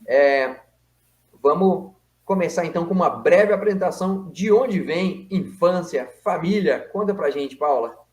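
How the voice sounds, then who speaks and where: A man's voice: a little high, measured pace, a little hiss or hum. Chatty male host in an echoey room. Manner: friendly, conversational, with many "né" tags. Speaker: interview host. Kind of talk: hosting an interview.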